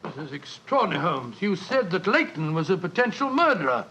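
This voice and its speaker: High, creaky, earnest Doctor Watson. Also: male voice, brisk, heavily acted. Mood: concerned, puzzled. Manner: earnest, excitable, old-fashioned exclamations. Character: loyal, anxious gentleman doctor, earnest companion and narrator. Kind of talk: 1940s radio drama acting. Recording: muffled, hissy 1940s radio recording.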